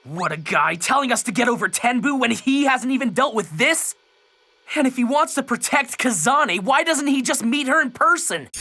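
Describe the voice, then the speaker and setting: A woman voicing a brash, outspoken young sidekick in an animated series, blunt and slangy. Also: high voice, moderate pace, exaggerated voice.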